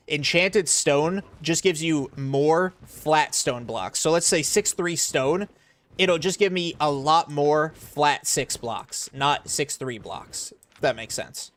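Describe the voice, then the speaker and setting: A man's voice: on the high side, fairly bright tone. A young American man from Florida, casually talking through a live game stream and answering chat. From Florida, USA. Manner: chatty, explains while playing, reads chat aloud.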